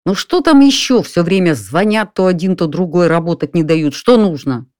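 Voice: mid-range voice, animated, a little mellow, dry recording, clean studio sound, lightly acted. Чтец изображает рассудительного грабителя, простонародного и неторопливого, голос выше обычного. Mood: reasoning. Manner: folksy, unhurried, addresses the listener as "барин". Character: calm, reasoning burglar in an apartment.

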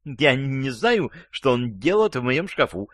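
A man voicing a frightened, shrill adult woman in a read-aloud story. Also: very animated, a little slow, a bit bright, no echo, studio quality. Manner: shrill, squealing.

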